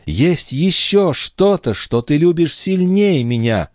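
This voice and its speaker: A man voicing Lorenza, a passionate, sorrowful young clairvoyant wife, in a high, imploring, tearful tone in an audiobook reading. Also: expressive, measured pace, darkish tone, dry recording, clean studio sound, natural voice. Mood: wistful.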